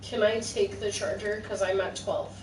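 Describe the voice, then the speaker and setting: A woman's voice: medium pitch, fairly even intonation, normal speed, noisy background. Rambling woman co-hosting a game stream. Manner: rambling, self-conscious chatter. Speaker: stream co-host. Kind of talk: casual chat during a game stream. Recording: distant mic in a roomy space with game music. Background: game music.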